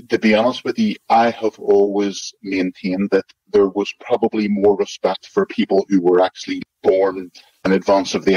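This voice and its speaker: Man with a disguised deep voice. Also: a little mellow, husky, no room sound. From Northern Ireland, West Belfast. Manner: rambling, hedged with frequent "like, you know". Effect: voice altered to disguise identity, deep and muffled. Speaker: interview guest. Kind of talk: remote interview. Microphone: remote secure connection. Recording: lo-fi disguised call audio.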